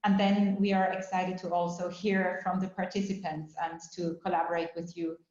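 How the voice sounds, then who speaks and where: A woman's voice: lowish voice, little pitch movement, normal speed, a little mellow. A woman hosting an online workshop, explaining the steps in an orderly way with frequent um fillers. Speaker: workshop moderator. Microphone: video call. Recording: roomy, slightly dull video call audio.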